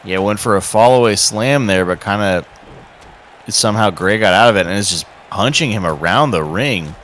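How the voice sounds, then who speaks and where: A man's voice: lowish voice, expressive, normal speed, fairly bright tone, slight background noise. A man giving wrestling commentary as the color analyst, in a conversational, analytical way.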